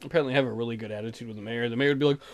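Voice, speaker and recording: Over game music, a gaming video host rattles off crude, sarcastic let's play commentary, swearing and reading the game's text aloud. His mid-range voice is rapid-fire with fairly even intonation.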